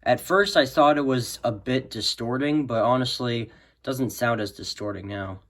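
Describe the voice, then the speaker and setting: This hobbyist video maker's medium-pitched, slightly bright voice moves at a moderate pace. He demos a product casually and without a script, rambling, hesitating, and often drifting off into "so yeah." The home recording is amateur and clearly noisy.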